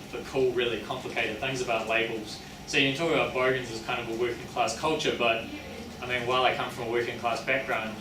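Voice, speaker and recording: In an indoor hall before an audience, a man with a medium-pitched voice and a New Zealand accent talks casually about his research and his book, then fields questions. His manner is that of a chatty working-class tradesman who rambles and keeps correcting himself. The room echoes, and the distant mic picks up plenty of noise.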